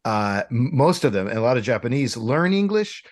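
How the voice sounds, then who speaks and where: A middle-aged man co-hosting a podcast, animated and playful in casual chat, laughing often. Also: medium pitch, fairly quick, no echo, studio quality. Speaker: podcast co-host.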